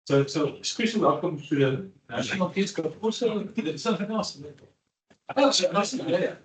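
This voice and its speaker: A man's voice: high voice, expressive, normal speed, slight background noise. A man giving a ceremonial welcome speech as department chair, hesitant and repeating words, with light jokes. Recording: echoey hall, mic far off.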